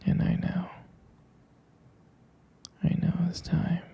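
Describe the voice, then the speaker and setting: In a breathy, husky whisper, a man plays a tender, protective boyfriend lulling his partner to sleep in a bedtime ASMR roleplay. He sounds soothing and halting, close to the mic, with a muffled recording.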